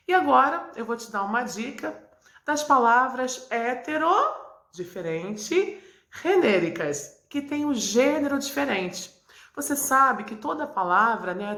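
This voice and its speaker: A woman from Brazil, a Spanish teacher, explaining terms in a clear, didactic way and repeating key points. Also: a little high, fairly bright tone. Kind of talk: video lesson to camera. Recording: echoey room.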